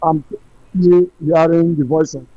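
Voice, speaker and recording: A man calling in to a radio show, his voice muffled as if through a wall, speaking in halting, broken phrases. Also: a little high, steady tone, mellow, dry recording. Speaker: caller. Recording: muffled tinny phone line.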